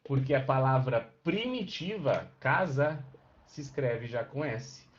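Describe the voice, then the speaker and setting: A man takes his time in a medium-pitched, expressive voice as he teaches students live online, patiently making sure they follow along. His webcam mic yields dull, lo-fi class audio.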